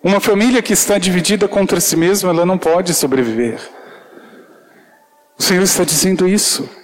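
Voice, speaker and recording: A man's voice: high voice, fairly quick. A male preacher giving an earnest sermon, speaking intimately to the congregation with shy, self-deprecating humor.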